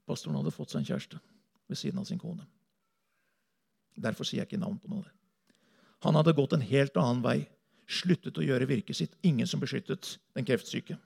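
A man's voice: on the high side, creaky, pauses often, a little mellow, husky. A man who is a missionary preacher, telling earnest stories in a sermon to a congregation. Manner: earnest storytelling, speaking to a congregation. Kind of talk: sermon testimony.

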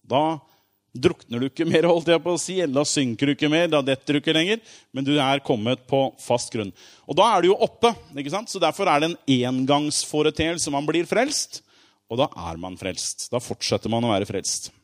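A man's voice: fairly high pitch, expressive. Man preaching an informal sermon. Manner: conversational, explains with everyday examples, frequent fillers and asides.

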